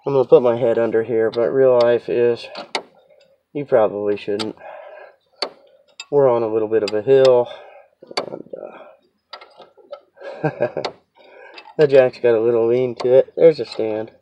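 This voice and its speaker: A man's voice: medium pitch, steady tone, unhurried, pauses often, dull audio, slight background noise. A man with a stuffy, sniffly cold talks through a car repair in a chatty, rambling, self-deprecating way, working outside in a yard. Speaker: home mechanic demonstrating a repair. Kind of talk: casual how-to car repair walkthrough. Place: outdoors in a yard on a slope.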